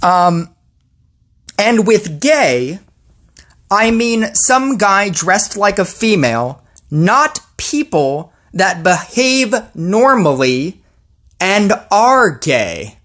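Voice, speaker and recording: A woman's voice: medium pitch, very animated, extremely slow, a bit bright. A woman posting a ranting commentary video about a mobile game, sarcastic and exasperated.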